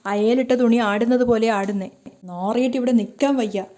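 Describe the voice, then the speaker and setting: A woman voicing a sharp-tongued middle-aged mother scolding her drunk son. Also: a little high, fairly even intonation, normal speed, lightly acted.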